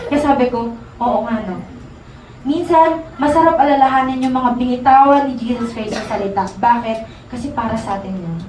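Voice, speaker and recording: High-voiced woman preaching in an echoey hall. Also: darkish tone, slight background noise. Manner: conversational, mixing in English, asks the crowd for agreement. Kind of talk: sermon. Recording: echoey room, from far off.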